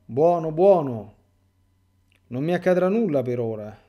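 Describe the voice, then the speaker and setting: A priest voicing a grave, calm teacher. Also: male voice, fairly high pitch. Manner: grave, measured, commanding.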